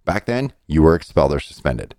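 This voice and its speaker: A middle-aged man with a very low voice, recorded very dry. He debates casually and insistently, blunt in his opinions and free with profanity. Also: very animated, brisk, mellow, dry recording.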